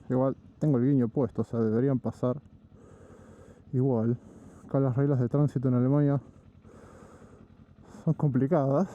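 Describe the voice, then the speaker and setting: An Argentine man with a deep, dark, mellow voice talks through a casual vlog from his vehicle. He rambles in a relaxed way and restarts his phrases often. The sound is dull and lo-fi. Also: slight background noise. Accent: Argentine Spanish. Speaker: vlogger. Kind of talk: casual vlog narration while driving. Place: in a vehicle on the road.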